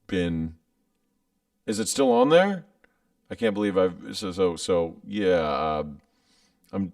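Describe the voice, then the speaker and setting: A man's voice: low-pitched, gravelly, darkish tone, no echo, far from the mic. A man in his thirties chatting casually on a livestream, rambling and hesitant with many restarts, speaking into a studio mic at home. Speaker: content creator streaming live. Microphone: studio microphone with headphones.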